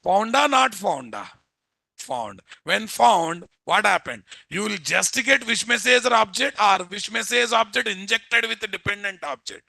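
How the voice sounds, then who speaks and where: A man's voice: sits high, expressive, unhurried, gravelly, sharp tone, dry recording. A man with an Indian Telugu accent giving a live programming lecture as an instructor, repeating phrases and constantly quizzing his listeners.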